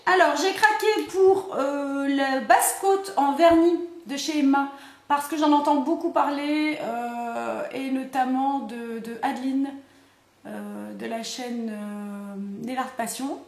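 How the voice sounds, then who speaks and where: A woman's voice: sits high, fairly even intonation, slow pace. A young woman chatting casually to camera about her beauty purchases, rambling and laughing at herself with lots of fillers. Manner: chatty, rambling, self-mocking with frequent fillers. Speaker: beauty vlogger. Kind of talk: casual haul chat to camera. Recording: echoey room.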